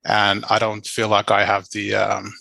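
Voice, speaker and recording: A man's voice: lowish voice, completely flat delivery, unhurried, gravelly, pushed and bright, no room sound, low-quality recording. A man speaking as a computer science panelist, thinking aloud with hesitant restarts. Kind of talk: panel discussion.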